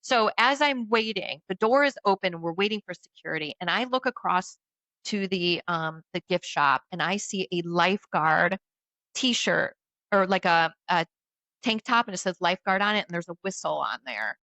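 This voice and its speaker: Woman, casual storytelling, animated, bright crisp voice, close dry sound. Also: lowish voice, moderate pace, dry recording. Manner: animated, acts out quoted voices.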